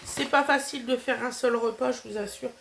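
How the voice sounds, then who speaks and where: A middle-aged woman with a stuffy head cold chats her way through a grocery haul, pausing on fillers as she goes. Her voice sits a little high and turns gravelly at the ends of phrases, with a faint background hiss on the recording. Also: fairly even intonation. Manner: chatty, hesitant with many fillers. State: nasal, has a cold. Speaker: vlogger showing a grocery haul. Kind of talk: casual chatty haul vlog.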